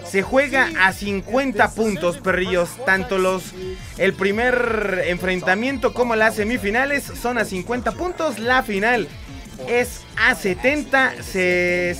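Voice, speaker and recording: A man hosting a casual gaming chat show, playful and full of slang nicknames for his audience. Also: sits high. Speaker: co-host.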